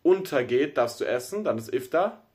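A man co-hosting a casual podcast chat, animated and playful, musing aloud about phrasing. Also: medium pitch, moderate pace. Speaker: podcast co-host.

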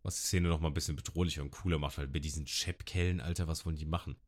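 A man's voice: very deep voice, very fast. A man on a podcast, casually retelling an anime episode and acting out the characters' lines. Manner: lively retelling, acting out quotes with shouts.

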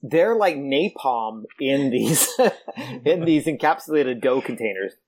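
A man's voice: mid-range voice, very animated, slow pace, a little mellow. A man chatting on a podcast in a playful, teasing way, often cutting in. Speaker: podcast guest. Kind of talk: casual podcast chat.

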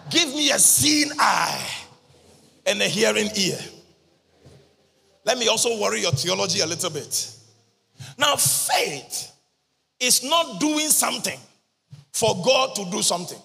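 A man preaching a sermon at a convention, in chanted, half-sung lines that burst into shouts. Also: high-pitched, creaky, husky. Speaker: prophet preaching. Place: large church or convention hall. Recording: reverberant hall with music behind.

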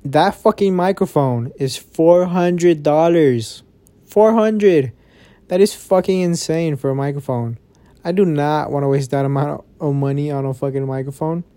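A man's voice: fairly high pitch, measured pace, mellow. Man muffled under a blanket. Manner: rambling and frustrated, swears a lot. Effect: muffled, recorded under a blanket. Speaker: podcast host. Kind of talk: casual solo podcast chat. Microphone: phone.

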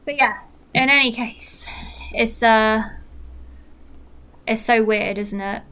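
Slightly high and slow, her voice comes across bright, forceful, clear and resonant as this Manchester-born podcast co-host, faintly Mancunian in accent, chats about films. She wanders through her points with plenty of fillers and laughter.

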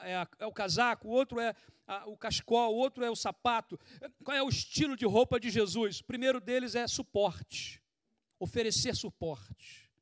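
A Brazilian-accented man preaches a sermon with a conversational, animated delivery, throwing out rhetorical questions as he goes. His voice sits high for a man and is recorded dry and close, with no room sound. He is sweating as he talks. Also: dry recording. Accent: Brazilian Portuguese. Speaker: pastor.

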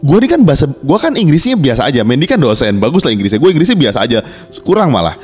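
A man's voice: medium pitch, big pitch swings, quick pace, a little mellow, faint music behind. A man co-hosting a podcast in casual slang, speaking earnestly and frankly to listeners and often restarting his words. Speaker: podcast co-host. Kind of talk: casual personal chat to listeners.

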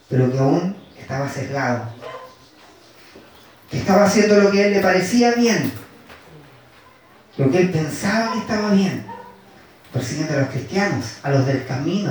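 A man with a fairly high voice preaches a sermon, going back over scripture lines and slowing down to press them home. He sounds set back from the microphone in a strongly echoing hall. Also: darkish tone, slight background noise. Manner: repeats and dwells on scripture lines, slowing for emphasis. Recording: echoey room, voice from far off.

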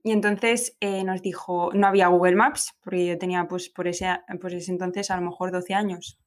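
A woman's voice: on the low side, moderate pace. Woman telling an anecdote. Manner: animated anecdote-telling with frequent fillers and restarts. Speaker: podcast co-host. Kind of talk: casual podcast chat, storytelling.

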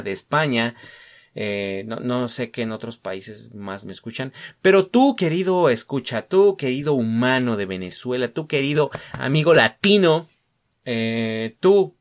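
A young man with a Mexican accent hosting a casual solo podcast, rambling and slangy, full of fillers and self-mocking asides. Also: mid-range voice. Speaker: podcast host.

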